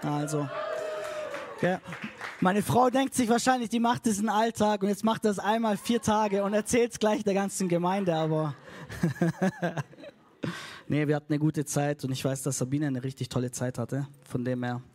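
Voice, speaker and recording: A man delivers a sermon to his congregation in a church hall. His voice sits fairly high for a man. His delivery is casual and upbeat, with English phrases slipped in, and he leads the room in call and response. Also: moderate pace, a little mellow. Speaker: pastor.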